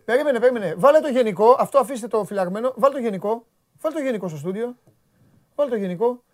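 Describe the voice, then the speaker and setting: A man with a high, very lively voice hosts a sports talk show. He teases his co-host and calls out orders to the crew in playful studio banter. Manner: teasing, bossy, directs the crew.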